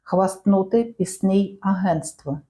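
A woman reading out language quiz questions and answers in a measured, clear teaching manner. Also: mid-range voice, warm tone. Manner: measured, clear dictation-like delivery.

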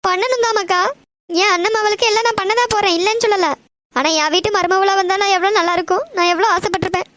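A woman voicing a shrill, stubborn cartoon mother. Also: fairly even intonation, fast, a bit bright, slight background noise. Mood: hurt insistence. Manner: pleading, argumentative, insistent. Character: upset middle-aged mother, stubborn and grieving. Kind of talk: cartoon voice acting.

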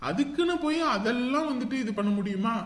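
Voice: mid-range voice, animated, fast, natural voice. A performer acting a young male fiancé who casually brushes aside his bride's worries. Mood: reassuring. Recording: echoey room.

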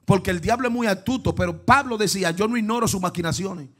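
A male pastor preaches in a high, bright-pitched voice. He swings between near-whispered asides and loud shouted exclamations. He keeps asking the congregation questions as he goes. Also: fast. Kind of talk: lively Pentecostal sermon.

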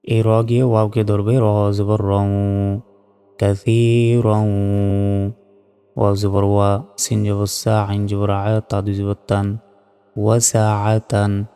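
A man patiently spells out Arabic syllables one by one, then chants each word whole. His voice is dark, mellow and smooth. It sounds like a long-reverb hall, with faint music underneath. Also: lowish voice, monotone, unhurried. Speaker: Quran reading teacher. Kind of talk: slow letter-by-letter Quran spelling lesson.

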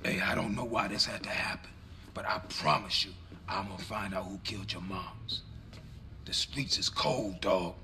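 An actor playing a big, boisterous streetwise friend who philosophizes in a folksy way in a video game. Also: male voice, deep voice, steady tone, normal speed, whispered. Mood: consoling, solemn. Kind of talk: video game cutscene acting.

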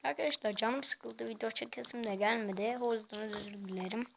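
A woman giving casual, quiet gameplay commentary in a soft, halting way. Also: fairly high pitch, fairly even intonation, gravelly, a little hiss or hum. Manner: talks quietly and softly; halting, hesitant delivery. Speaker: gaming channel host.

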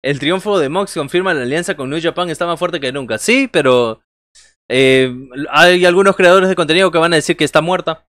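A man's voice: on the high side, brisk, a bit bright, no room sound, clean studio sound. A man in his thirties doing casual wrestling commentary on a livestream, joking and conversational as he talks with viewers. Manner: joking, conversational, reacting to chat and calling moves. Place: small bedroom, indoors.

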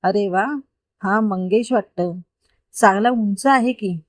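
Narrator voicing an older hostess, warm fussing, plain mid-pitched voice, dry. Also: female voice, slow, dry recording, lightly acted. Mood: fond. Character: welcoming older woman of the house.

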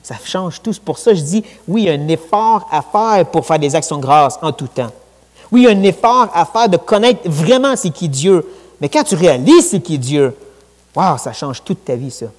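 A man with a Quebec French accent preaching a sermon in a church, lively and conversational, with colloquial asides. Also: on the high side, moderate pace. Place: church sanctuary. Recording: long church hall reverb.

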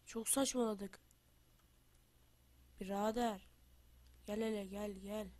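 Excitable woman trash-talking during a game. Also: mid-range voice, slow pace. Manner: excitable trash talk, drops to quiet muttering. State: has the flu. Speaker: gaming channel host. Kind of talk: casual gameplay commentary.

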